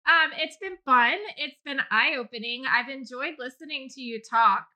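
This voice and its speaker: A woman's voice: sits high, moderate pace, pushed and bright. A woman hosting a podcast, asking direct, friendly questions. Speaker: podcast host. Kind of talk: casual interview.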